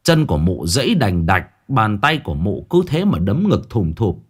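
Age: adult. Sex: man. Style: lively ghost story narration. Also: fairly low pitch, moderate pace, husky.

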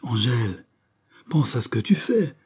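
A man reading aloud, voicing a worried mother who gently urges her daughter in a storybook reading. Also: medium pitch, very animated, unhurried, slightly rough. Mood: anxious.

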